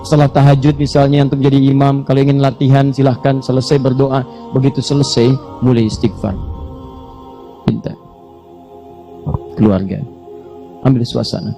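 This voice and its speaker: A man's voice: mid-range voice, little pitch movement, brisk, warm tone, soft background music. A male Islamic preacher giving a fervent sermon that moves into pleading prayers.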